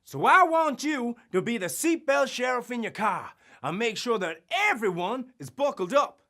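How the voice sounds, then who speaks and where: In a scripted kids' safety promo, a performer plays a goofy cowboy sheriff mascot teaching children about road safety, using a put-on American cowboy drawl. The voice is medium-pitched and animated at a moderate pace, hammy, cheerful and showy, yelling out catchphrases.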